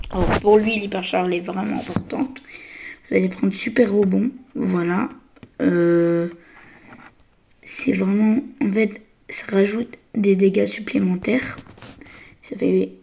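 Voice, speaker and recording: A woman who is a little sick and tired, giving casual game tips in a hesitant, stammering way with a slightly croaky voice. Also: medium pitch, mellow, a little hiss or hum. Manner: hesitant, stammering, many fillers. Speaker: gaming channel host.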